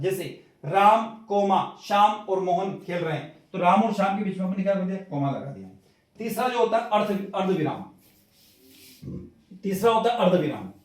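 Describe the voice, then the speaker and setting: A man with a high voice gives a recorded video lesson, asking questions and then answering them himself. He sounds distant from the microphone. His voice rings in a heavily echoing room. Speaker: teacher. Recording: very echoey room, far from mic.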